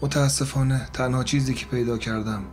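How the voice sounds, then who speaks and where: A man reading a scripted first-person horror story in a steady, even way. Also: mid-range voice, over music.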